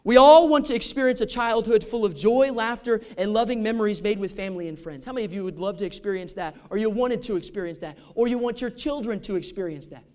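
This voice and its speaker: Male pastor, high-pitched, conversational sermon delivery with rhetorical questions. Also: fast, hardly any pauses, darkish tone, clear, resonant tone.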